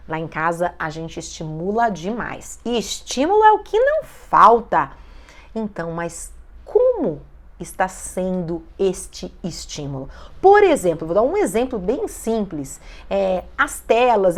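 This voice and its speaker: This is a woman, a speech therapist teaching parents about how children learn to talk. Her pitch climbs and dips in wide, animated swings. Now and then she slips into the voices of parents to make a point. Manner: expressive, acts out parents' voices.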